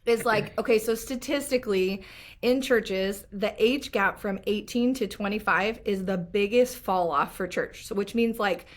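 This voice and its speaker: A woman's voice: medium pitch, moderate pace. A woman hosting a faith podcast, chatty, upbeat and teasing with her guest. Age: adult, former children's ministry leader. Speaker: podcast host. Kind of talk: casual podcast chat.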